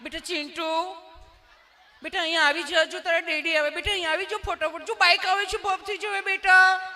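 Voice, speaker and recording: A sugary, doting mother, put on by a male comedian, calling her little one in coaxing baby talk. The voice sits very high and bright. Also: fairly even intonation, fairly quick, slight background noise. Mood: sweetly coaxing.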